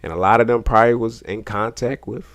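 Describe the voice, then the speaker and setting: A man's voice: medium pitch, fairly even intonation, fast, a bit bright. A man reacting to a video in casual commentary, joking, swearing and laughing often. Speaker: reaction streamer.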